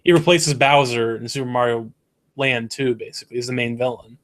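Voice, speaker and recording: A man's voice: mid-range voice, brisk, fairly bright tone. A man co-hosting a casual web show, talking in a loose, rambling way. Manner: rambling, trails off with fillers. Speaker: co-host. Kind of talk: casual chat.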